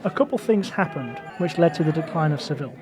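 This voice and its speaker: High-voiced man giving a walking tour. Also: animated, fast, over music. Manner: chatty, digressive, full of fillers. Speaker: podcast host and tour guide. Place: outdoors on a city street.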